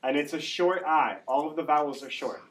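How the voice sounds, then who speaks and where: A man with a slightly high voice speaks fairly quickly as he teaches English pronunciation. He drills sounds slowly in this classroom phonics lesson, repeating them and checking understanding with short tag questions. The mic is distant, the room echoes, and background noise comes through.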